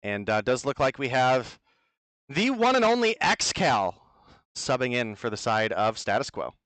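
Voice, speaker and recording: Blunt, energetic male esports caster. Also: mid-range voice, measured pace, dry recording. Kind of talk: play-by-play commentary. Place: at home, remote over the internet.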